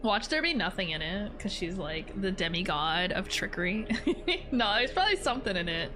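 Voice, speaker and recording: A woman's voice: mid-range voice, very animated, moderate pace. A woman streamer giving casual, rambling reaction commentary on a video game, jokey and informal. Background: game music.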